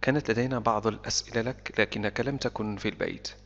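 A man with a gravelly, fry-edged voice teaches vocabulary in a calm, explanatory way, breaking each word down with short repeats. The recording has a long, hall-like reverb and a muffled, lo-fi tone. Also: lowish voice, fast talker, slight background noise. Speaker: English teacher. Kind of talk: explanatory language lesson.

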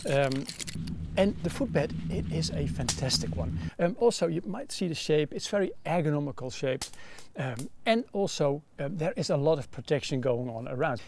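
A man's voice: on the high side, expressive, normal speed, creaky, background noise. A man in his thirties with a Dutch accent, explaining gear in detail with frequent fillers, recorded outdoors by a campfire. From Netherlands. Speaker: gear reviewer. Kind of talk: casual product review.

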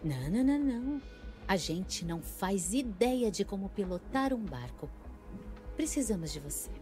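A woman's voice: mid-range voice, very animated, normal speed, warm tone, faint music behind, lightly acted. An actress with a Brazilian accent dubbing a cool, commanding female drug smuggler in a film thriller. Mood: coaxing, firm. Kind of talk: dubbed film thriller acting.

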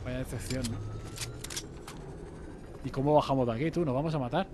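A man from Spain with a Spanish accent, streaming a game live with friends, excitable and repeating his calls out loud. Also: medium pitch, a little fast, noisy background. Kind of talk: live gaming chat.

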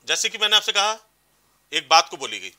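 A man's voice: high voice, very animated, brisk, sharp tone. A man giving advice as a career counselor on a TV talk show, explaining with examples. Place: TV studio.

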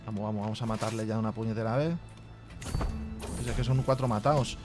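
A man's voice: lowish voice, steady tone, brisk, over music. Chatty man. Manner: chatty, swears freely, reads game text aloud. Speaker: gaming youtuber. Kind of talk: casual let's play commentary.

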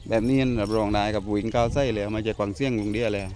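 A man's voice: lowish voice, steady tone, racing, a little mellow, slight background noise. A man vlogging at home, talking politely to his viewers and sharply scolding his disobedient dog. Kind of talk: casual vlog chat.

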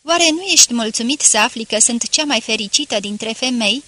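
Narrator voicing a radiant young wife, effusive, bright higher tone, storybook reading. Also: female voice, lively intonation. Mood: happy. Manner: rapturous, effusive. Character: young woman, joyful, adoring wife.

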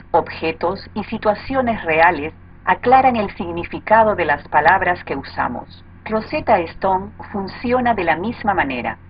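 A woman delivering smooth, measured, persuasive promotional narration as a voice-over. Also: fairly low pitch. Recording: dull lo-fi audio with faint noise.

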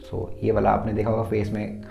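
A man with a gravelly, fry-tinged voice walks through a gadget review in a casual, chatty way, switching between Hindi and English. He speaks into his own mic in a roomy space with a noticeable echo, and faint music sits underneath. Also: on the low side, monotone, fairly quick, dark tone. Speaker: tech reviewer. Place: indoor room lit by softbox lights. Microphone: his own mic set up.

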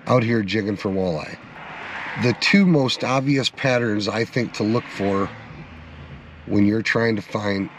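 A man's voice: lowish voice, slight background noise. Folksy man giving fishing tips. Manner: folksy, instructive, addresses viewers as guys. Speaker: fishing channel host. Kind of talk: outdoor fishing report vlog. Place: outdoors on or by the river.

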